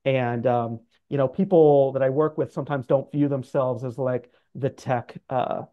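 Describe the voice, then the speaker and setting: Here the financial adviser, a middle-aged interview guest, talks at a normal speed with a medium pitch and fairly even intonation. He explains in a casual way full of hedges such as "like" and "sort of," and the video call from his office comes through dull.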